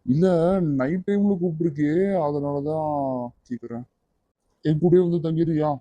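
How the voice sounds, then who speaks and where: A man's voice: on the high side, moderate pace, no echo, narrow, tinny audio, natural voice. A man voicing an evasive young man who gets defensive and irritated when questioned, in a cartoon. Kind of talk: cartoon voice acting.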